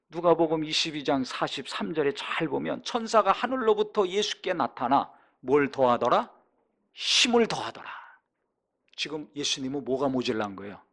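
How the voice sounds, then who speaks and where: A pastor with a fairly high, creaky voice delivers an emphatic sermon packed with rhetorical questions. His volume swings back and forth between loud and soft.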